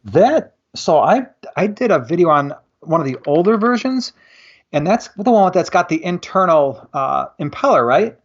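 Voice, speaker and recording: A man's voice: a little high, very animated, normal speed, dull audio. A man talking as a guest in a casual conversation, easygoing and full of "you know" asides. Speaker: guest on a live stream.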